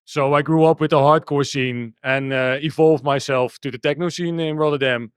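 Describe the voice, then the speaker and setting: A man's voice: fairly high pitch, steady tone, moderate pace, smooth, no room sound. A Dutch man with a Dutch accent, a techno DJ and producer answering interview questions in a hesitant way with many restarts. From Netherlands. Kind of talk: casual interview.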